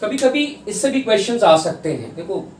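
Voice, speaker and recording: A man with a fairly high voice teaches an English exam-prep class, walking through grammar topics step by step and breaking words into syllables aloud. He is heard from some distance in a reverberant room, with a faint hiss underneath. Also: big pitch swings, normal speed, darkish tone. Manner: explains step by step, spells out sounds syllable by syllable. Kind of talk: Hindi-English mixed exam-prep lecture. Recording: roomy echo, distant mic, faint hiss.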